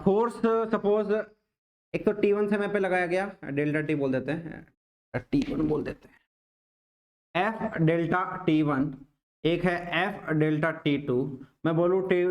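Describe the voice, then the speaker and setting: A man teaching physics in a casual classroom lecture, repeating questions to his students. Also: on the high side.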